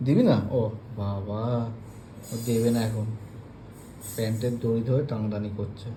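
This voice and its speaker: A man's voice: medium pitch, fairly even intonation, brisk, echoey room, noisy background. A man at home talking playfully to his puppy, coaxing and teasing it in a casual baby-talk way. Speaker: dog owner filming his pet. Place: bedroom at home.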